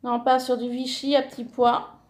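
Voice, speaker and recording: A woman's voice: fairly high pitch, completely flat delivery, moderate pace, darkish tone, reverberant. A woman chatting casually through a haul video of craft papers, enthusiastic and full of fillers, correcting herself as she goes. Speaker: scrapbooking vlogger.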